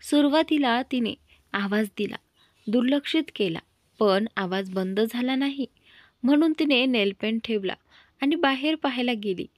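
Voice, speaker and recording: A woman narrating a romantic story in a steady storytelling voice, close to the mic. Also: on the high side, normal speed, no echo.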